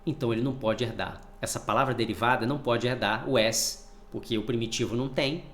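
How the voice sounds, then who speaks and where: A man's voice: mid-range voice, quick pace, a little hiss or hum. A man teaching a spelling lesson for exam prep, asking questions and then answering them himself. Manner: lively, asks and answers his own questions.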